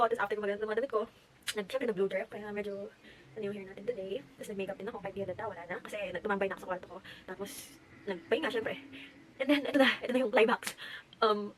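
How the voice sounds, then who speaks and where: A woman's voice: mid-range voice, slight background noise, low-quality recording. A young woman, chatting animatedly at home as she tells a story for her vlog. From Philippines. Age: late teens. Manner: chatty, animated, mixes English into Tagalog. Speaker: vlogger.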